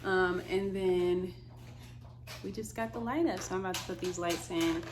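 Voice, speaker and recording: A woman chatting informally and excitably in a casual home DIY vlog. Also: lowish voice, normal speed. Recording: noisy handheld home recording.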